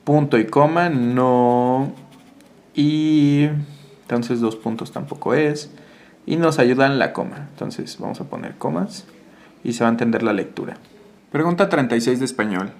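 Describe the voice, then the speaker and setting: A man who tutors exam prep, patiently walking through answers with tag questions and filler pauses. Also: mid-range voice, a little mellow. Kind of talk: exam answer walkthrough lesson.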